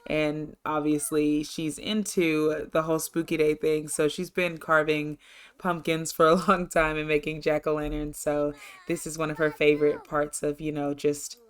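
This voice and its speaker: A woman's voice: deep voice, little pitch movement, moderate pace, smooth. A woman narrating a life-sim game in a casual, chatty and upbeat way, rambling through what her character does. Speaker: gameplay narrator. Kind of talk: casual let's-play narration.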